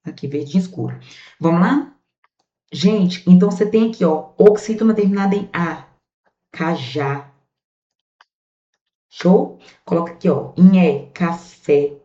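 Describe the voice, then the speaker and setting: A Brazilian woman teaching a grammar lesson in a chatty, lively way, drawing out the words she stresses. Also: lowish voice, a little slow, long pauses. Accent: Brazilian Portuguese. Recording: muffled, echoey room.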